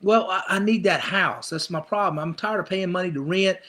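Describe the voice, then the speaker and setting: A man's voice: high voice, fairly quick, sharp tone. A middle-aged male pastor preaching a conversational sermon, acting out people's inner thoughts with repeated phrases.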